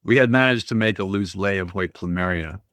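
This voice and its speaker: A man reading a first-person story aloud in a steady, even manner. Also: low-pitched, a little fast, smooth, no echo, studio quality. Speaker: audiobook reader. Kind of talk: scripted first-person narration.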